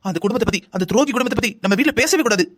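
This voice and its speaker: Cartoon father-in-law telling his wife off, voiced by an actor, fast and steady. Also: very high voice, noisy background. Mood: stern. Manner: measured, reproving. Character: patient older father-in-law, stern peacemaker. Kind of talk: cartoon drama dialogue.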